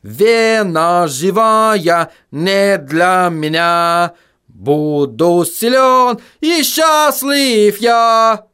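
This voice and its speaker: A trembling vampire, put on by a male narrator, warbles a hymn in a high, drawn-out voice. Every word shakes, slow and strained. It's a storybook reading with a clean, smooth sound. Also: a bit bright. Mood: quavering singing. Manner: quavering, slow sing-song. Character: trembling vampire man singing a temperance hymn.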